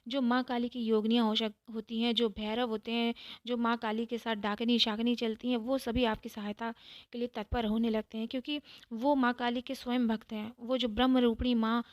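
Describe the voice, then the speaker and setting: A woman giving a calm devotional talk, explaining step by step and repeating phrases for emphasis. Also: a little high, a little fast, no room sound. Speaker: spiritual teacher.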